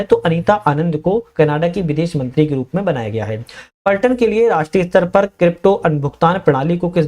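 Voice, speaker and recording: A man gives a current-affairs quiz lesson for exam students. He reads out each question, then answers it at a steady, unhurried pace. He corrects his own slips as he goes. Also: on the high side. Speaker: exam-prep teacher.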